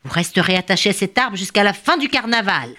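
A woman voicing a wise old male elephant who speaks in a slow, stern way. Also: medium pitch, lively intonation, pushed and bright.

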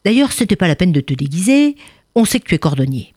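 A woman's voice: very animated, darkish tone, breathy edge, dry recording, clean studio sound. Woman doing a stern menacing emperor. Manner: slow, menacing, low. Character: stern old male emperor, grave and threatening.

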